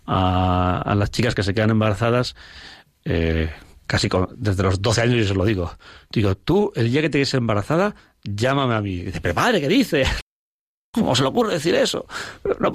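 Man, priest, low voice, dry close sound, earnest storytelling. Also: dry recording. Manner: earnest, pauses often, acts out dialogue with rising voice. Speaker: parish priest. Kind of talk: reflective storytelling in an interview.

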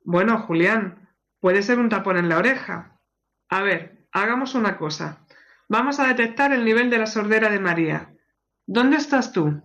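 Woman doing a patient family doctor, steady and instructive, radio joke. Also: medium pitch, highs cut off. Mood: calm. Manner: measured, instructive.

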